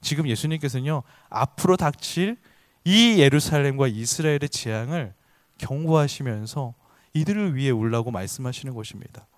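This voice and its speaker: Lively, expressive preaching man. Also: medium pitch, moderate pace, dry recording. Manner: earnest, emphatic preaching with rhetorical questions. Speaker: pastor. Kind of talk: sermon.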